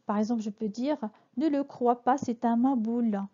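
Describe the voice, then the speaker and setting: A woman from Morocco giving a French vocabulary lesson, explaining words slowly with frequent hesitations and fillers. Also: fairly high pitch, mellow. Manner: hesitant, many fillers and restarts. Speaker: French teacher. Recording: dull lo-fi sound.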